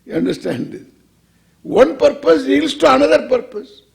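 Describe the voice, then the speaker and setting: With an Indian English accent, a man acting as a swami gives an informal spiritual discourse, playful and wry, asking questions, answering them and repeating phrases for emphasis. His voice is extremely high and gravelly, with big pitch swings at normal speed.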